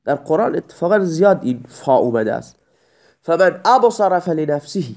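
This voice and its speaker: A man's voice: a little high, sing-song, a little mellow. A man teaching Arabic grammar in a recorded lecture, explaining step by step and reciting examples in a raised voice.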